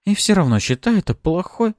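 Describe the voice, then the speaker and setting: A teasing female succubus from a fantasy audiobook, put on by a male narrator, her voice pitched up high and lilting. She mocks everyone around her with sly amusement. The recording is dry and close. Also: very animated, fairly quick, darkish tone, no room sound. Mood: indignant. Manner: mocking, playful. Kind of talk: audiobook character voice.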